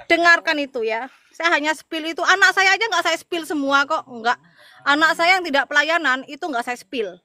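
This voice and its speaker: A woman's voice: high-pitched, moderate pace, sharp tone, no echo. A middle-aged woman from Madura, Indonesia, an evangelist talking casually to her viewers, stressing and repeating her points. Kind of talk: casual livestream talk to viewers.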